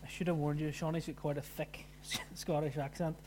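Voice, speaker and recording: Male preacher, high-pitched voice, informal sermon delivery, conversational pauses, faint background noise. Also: flat delivery, a little mellow. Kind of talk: sermon, explaining scripture in casual wording.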